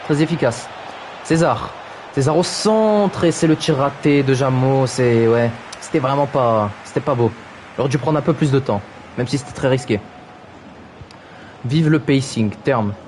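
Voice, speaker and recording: A man's voice: mid-range voice, moderate pace, a little mellow, slight background noise. A man commentating a video game football match on a stream, teasing players and reading chat with playful exclamations. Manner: jokey, mocks players' names, reads chat aloud, exclaims "aïe aïe". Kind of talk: playful live play-by-play commentary. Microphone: streaming microphone.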